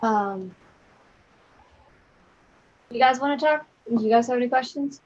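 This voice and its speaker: A woman with a fairly high voice plays a tabletop game. Her talk is casual and hesitant as she searches for words, and the sound is slightly dull and lo-fi. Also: measured pace, darkish tone.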